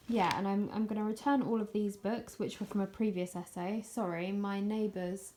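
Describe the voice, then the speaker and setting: A woman's voice: mid-range voice, warm tone. A young woman in her twenties chatting casually in a vlog, tired and out of breath, laughing often between fillers. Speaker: vlogger.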